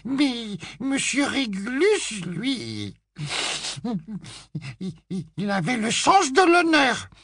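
A man voicing a wretched old male house-elf servant who croaks, stammers and wails in a high, slow voice. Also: very animated, a bit bright, dry recording, clean studio sound, full character voice. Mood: bitter. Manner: wailing, high-pitched and slow.

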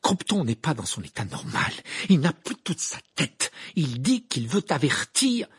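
A man voicing a panicked teenage boy wizard who pleads and shouts urgently. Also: mid-range voice, wildly swooping pitch, fairly quick, gravelly, breathy edge, dry recording, clean studio sound, heavily acted. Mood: frantic.

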